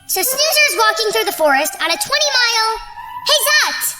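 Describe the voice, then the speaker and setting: Little excitable kids cartoon critter, super high squeaky voice, playful and dramatic, swoops around, loud music behind. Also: female voice, moderate pace. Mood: eager storytelling. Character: small limbless excitable imaginative kid creature, storyteller. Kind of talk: children's cartoon dialogue.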